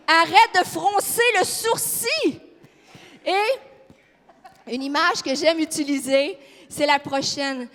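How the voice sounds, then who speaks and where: Fiery Québécois woman preaching, high voice. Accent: Québécois French. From Quebec. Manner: fiery, emphatic, questions the audience. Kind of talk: sermon. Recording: long reverb of a large hall.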